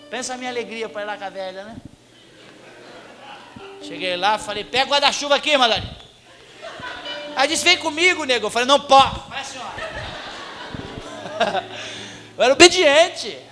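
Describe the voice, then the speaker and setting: Brazilian pastor guy, really high voice, cracks jokes and yells out the quotes in church. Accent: Brazilian Portuguese. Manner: comic, animated, acts out shouted quotes. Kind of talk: lively storytelling sermon. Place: church congregation hall.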